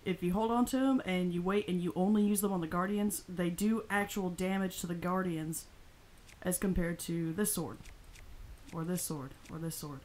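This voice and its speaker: A woman's voice: on the low side, fairly even intonation, moderate pace, darkish tone, slight background noise, poor audio. A woman hosting a casual let's-play, chatting and explaining game tips, often laughing and reading game dialogue aloud. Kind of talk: casual gameplay commentary.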